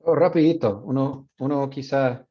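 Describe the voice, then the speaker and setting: A male university Spanish phonetics teacher explains sound changes in a bilingual lecture, slipping in English asides and plenty of fillers. His voice is medium-pitched and husky, delivered at a moderate pace, and the audio sounds dull.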